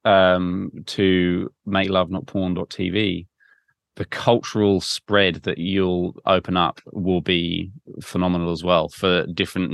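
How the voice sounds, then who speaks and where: A man hosts a podcast interview in a very low, level voice. He mostly agrees briefly before he offers a loose follow-up thought. The sound is dry and close to the mic. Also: creaky, no room sound. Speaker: podcast co-host. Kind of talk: interview backchannel and questions.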